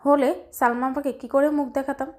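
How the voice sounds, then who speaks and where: A woman's voice: high-pitched, fairly even intonation, normal speed, lightly acted. A woman voicing a hesitant, defensive middle-aged mother in a narrated story.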